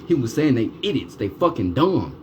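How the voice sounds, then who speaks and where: A man's voice: medium pitch, moderate pace, poor audio. A man delivering a ranting monologue, swearing heavily and firing off repeated rhetorical questions. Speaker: vlogger. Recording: steady background noise.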